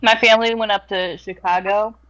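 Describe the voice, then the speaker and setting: A woman's voice: mid-range voice, fairly even intonation, a little fast, a bit bright, highs cut off. A woman chatting casually and laughing often with fellow players before a tabletop game. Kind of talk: casual chat.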